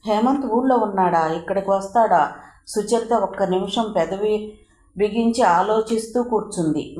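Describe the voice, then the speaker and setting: A woman narrating a novel in a steady storytelling voice. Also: medium pitch. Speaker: audiobook narrator. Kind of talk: novel reading. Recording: roomy echo.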